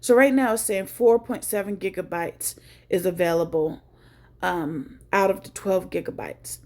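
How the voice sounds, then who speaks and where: A woman's voice: medium pitch, normal speed, a little mellow. A woman hosting a casual phone tutorial, chatty and joking, thinking aloud as she goes. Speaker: tech tutorial host. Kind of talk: casual screen-share tutorial.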